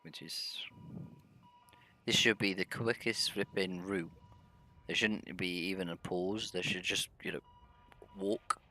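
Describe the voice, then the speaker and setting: Man, slow hesitant game commentary, hums to himself. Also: low voice, fairly even intonation, bright, forceful tone. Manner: rambling, hesitant, humming to himself. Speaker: gameplay video host. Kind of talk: casual let's-play commentary.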